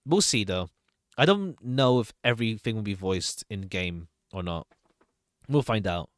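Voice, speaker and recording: A man's voice: on the low side, lively intonation, unhurried, no room sound, clean studio sound. A man giving casual livestream commentary as a streamer, chatty and hesitant as he thinks aloud. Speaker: streamer reacting to game trailers.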